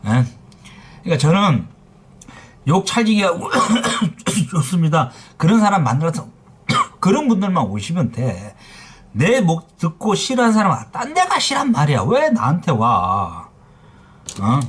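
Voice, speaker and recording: A middle-aged man who owns a phone repair shop rants on a livestream, telling heated stories bluntly and with plenty of profanity. His voice is husky and on the high side.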